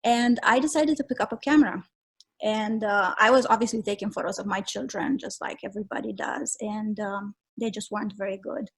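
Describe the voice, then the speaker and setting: A woman in her forties from Romania, speaking as a podcast guest and telling her story in a measured, reflective way with frequent ums. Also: mid-range voice, creaky, breathy edge. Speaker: guest, travel photographer. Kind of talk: casual interview.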